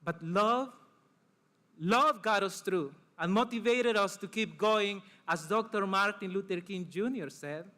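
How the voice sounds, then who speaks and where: This student commencement speaker is a young Salvadoran man whose first language is Spanish, and his voice is high-pitched and bright. In his formal prepared speech he pauses between short phrases, sounding earnest and measured.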